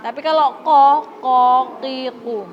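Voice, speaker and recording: A high-pitched woman leads a recitation lesson at an unhurried pace. She stretches each example out slowly and repeats it patiently, with a faint hiss of noise in the background. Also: fairly even intonation, lo-fi sound. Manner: patient, drawn-out model recitations. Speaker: Quran recitation teacher. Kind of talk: Quran pronunciation lesson.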